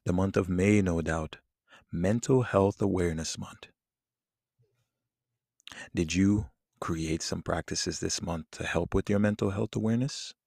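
Deep, slow-paced man guiding meditation. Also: creaky, dry recording, clean studio sound. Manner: soothing, unhurried, with long pauses. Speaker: guided meditation teacher. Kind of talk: guided meditation. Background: soft plucked guitar music.

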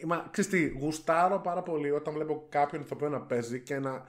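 A man's voice: on the high side, fairly even intonation. Emphatic opinionated man. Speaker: podcast guest. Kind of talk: casual chat about films.

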